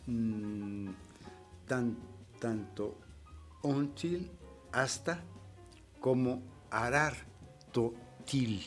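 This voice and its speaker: A middle-aged man hosting a poetry program, talking in a reflective, hesitant way with many repeated words and fillers. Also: mid-range voice. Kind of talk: slow, reflective talk on poetry.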